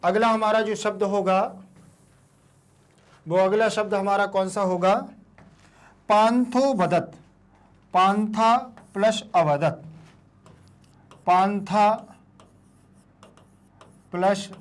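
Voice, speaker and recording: A man teaching a lesson in a raised, high voice. He works through each step patiently, repeats every question back as he answers it, and sounds out words one syllable at a time. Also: takes it slowly, pauses often. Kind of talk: classroom explanation.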